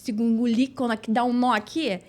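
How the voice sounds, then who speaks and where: Her pitch fairly high and her tone steady, this São Gonçalo native from Rio de Janeiro state speaks a little fast with a slightly mellow quality. As a podcast guest, she shares a personal story with earnest emotion, performing the dialogue as she goes.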